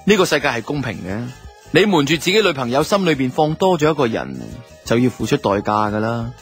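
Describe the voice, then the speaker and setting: Narrating in colloquial first person, the lead actor, who has a Hong Kong Cantonese accent, voices a guilty, self-justifying boyfriend cheating on his partner. Here he's wry and musing, medium-pitched, animated and fairly quick, lightly acted over soft background music.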